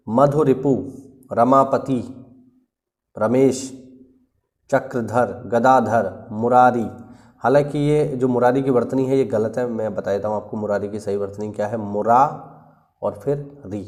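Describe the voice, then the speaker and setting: Guy teaching exam prep, going slow and careful through word lists, keeps clearing his throat. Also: mid-range voice, darkish tone. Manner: slow, deliberate listing with frequent "ठीक है" check-ins. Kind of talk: exam-prep lesson reading out synonym lists.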